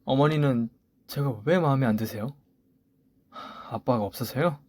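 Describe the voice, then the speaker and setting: A hurt, indignant young pregnant wife pushes back in pleading, defiant bursts, voiced by a man. The sound is close and dry, in a middling pitch. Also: normal speed, no room sound, lightly acted. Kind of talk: story radio voice acting.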